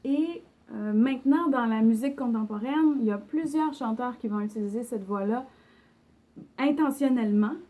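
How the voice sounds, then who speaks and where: Speaking at a moderate pace in a slightly high, dark voice, a young Québécois-accented singing teacher works through an online lesson. She explains patiently, with fillers, and sings short examples to illustrate.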